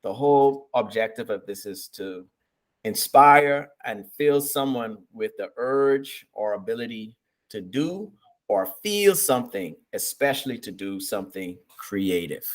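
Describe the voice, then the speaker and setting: A man hosting an online interview on a video call, measured and encouraging, often repeating his words. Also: lowish voice, expressive. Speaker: host.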